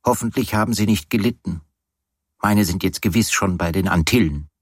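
A worn-out, feverish man grumbling with dark sarcasm, as a male narrator plays him in a storybook reading. His deep voice carries a husky edge, heard close and dry. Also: normal speed, no room sound. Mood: weary. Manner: gloomy, sardonic. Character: weary feverish sardonic man.

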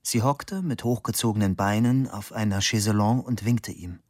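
A man reading a novel aloud as narrator, expressive and lively. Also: fairly low pitch, normal speed, no room sound, studio quality. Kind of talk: audiobook narration.

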